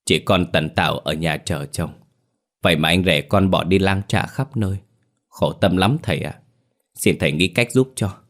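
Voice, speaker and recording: A man's voice: deep voice, normal speed, fairly bright tone. A man voicing a scheming woman who pleads tearfully with a sorceress in a storybook tale. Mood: pleading.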